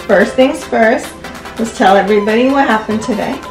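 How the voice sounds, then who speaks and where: A woman, a mother, chatting playfully and in an animated way with a young child while playing a game. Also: fairly high pitch, moderate pace. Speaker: mother co-hosting a family toy channel. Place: indoor room at a table, echoey. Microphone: camera a short distance away. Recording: roomy echo, music behind.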